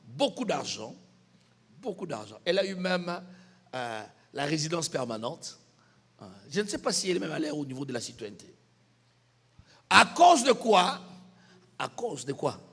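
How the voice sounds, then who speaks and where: A man preaching a sermon in a church hall, animated, with bursts of shouting and laughter. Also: a little high, normal speed, gravelly, slightly rough. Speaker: pastor.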